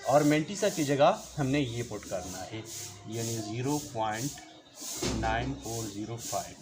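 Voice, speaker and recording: A man teaching a math lesson, explaining slowly, repeating each step and counting aloud. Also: mid-range voice, lively intonation, loud music behind the voice. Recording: noticeable background noise.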